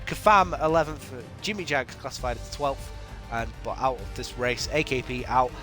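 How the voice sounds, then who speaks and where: A man commentating a sim race live, excitable and chatty, his voice strained from coughing. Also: mid-range voice, normal speed, music in the background. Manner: excitable, rising to shouts at big moments; chatty and offhand with live chat between calls.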